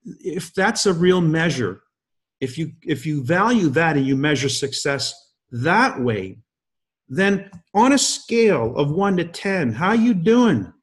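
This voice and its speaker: A man in his fifties with a fairly high-pitched voice guest-hosts a leadership call, giving a motivational talk packed with emphatic rhetorical questions.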